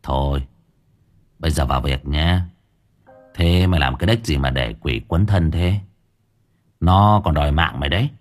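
A man's voice: extremely low pitch, moderate pace, long pauses, voice pushed down. Man voicing a sly domineering young exorcist. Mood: mocking. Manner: sweet-talking then threatening, teasing.

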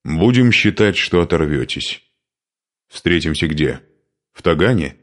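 A man's voice: low voice, lively intonation, a little slow. A man voicing a tough male warrior captain who answers dryly and reluctantly. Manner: reluctant, dry.

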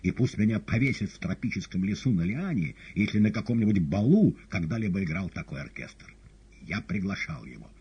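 Man doing a boastful talking cat, deep raspy voice, lively swings, storybook reading. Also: fairly quick, dull audio, exaggerated voice. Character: boastful talking male cat, demon's servant.

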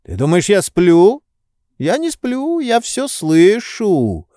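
A man reading an audiobook, voicing a sleepy, irritable idle gentleman with a hoarse, drowsy, peevish voice. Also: on the high side, huge pitch swings, slow, no room sound, studio quality, pitched above the performer's own voice, heavily acted. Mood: indignant. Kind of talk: audiobook character voice.

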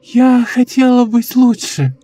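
A man voicing a sly, sinister old woman who speaks in a slow, eerily calm coo in a horror audiobook. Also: high voice, slightly rough, dry recording, faint music behind, pitched above the performer's own voice, exaggerated voice. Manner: slow cooing, sinister giggles.

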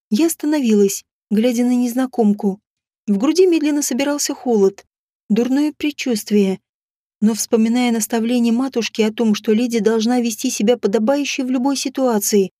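Woman, audiobook narration, first person, measured, steady, high pitch, mellow tone. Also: no echo, clean studio sound.

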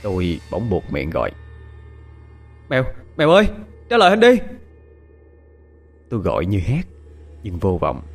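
A man narrating a ghost story in a dramatic, expressive storytelling manner. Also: low-pitched. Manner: dramatic, expressive, panicked cries in character.

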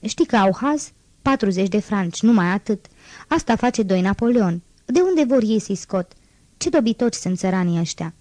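Woman reading as a desperate young seamstress mom, bitter, agitated, mellow voice, dry. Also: medium pitch, animated, no room sound, close to an everyday voice. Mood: mocking. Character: poor young seamstress mother, desperate and proud. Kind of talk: audiobook character reading.

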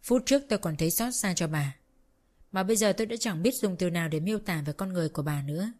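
Woman, first-person story narration, even delivery. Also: lowish voice, quick pace.

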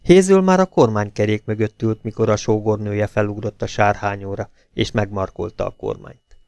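A man reads a novel aloud in a steady, even narration. His voice has a gravelly edge, and the recording is close and dry with no room sound. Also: on the low side, dry recording. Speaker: audiobook reader. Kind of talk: audiobook narration.

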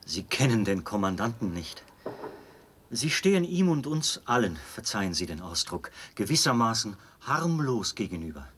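A heavily acted, fervent officer in a German radio drama is voiced by a man whose husky tone sits on the low side, a bit bright and sing-song, at normal speed. He persuades insistently and theatrically, sounding urgent and confiding.

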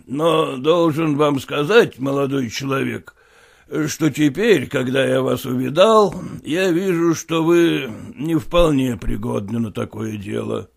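A man's voice: medium pitch, a little slow, vocal fry. A man voicing a stern elderly general who talks curtly and commandingly. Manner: curt, commanding, dry laughter. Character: stern elderly male general, gruff and mocking.

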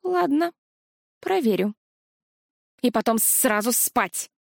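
A woman's voice: on the high side, expressive, slow, vocal fry, dry recording, exaggerated voice. A woman voicing a fussy, motherly ghostly dragoness guardian who scolds and dotes, in a dry, close storybook reading. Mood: strict. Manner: strict then doting, scolding.

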